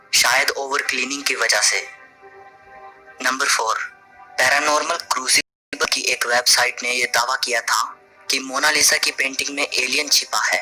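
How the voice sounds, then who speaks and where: A man reading a scripted voice-over for a facts video, counting down items in a steady, explanatory way. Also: medium pitch, poor audio. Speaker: video narrator.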